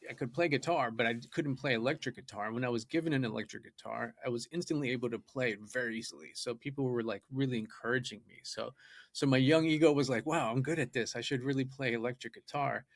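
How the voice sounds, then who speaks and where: Speaking quickly in a mid-range voice, this podcast guest, a Japanese-native data scientist and musician, eagerly and earnestly recounts his story in an interview. The audio has no room sound.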